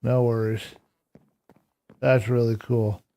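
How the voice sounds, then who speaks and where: While playing a game live, a hoarse man slowly and thoughtfully replies to chat out loud, keeping things casual and relaxed. His voice is medium in pitch.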